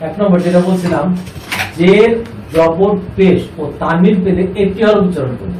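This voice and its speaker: A man's voice: high voice, moderate pace, darkish tone, roomy sound, distant mic, a little hiss or hum, rough recording. A man teaching Quran reading to a class, asking the students questions, repeating their answers and drawing out syllables in a chant. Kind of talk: classroom lesson with call and response.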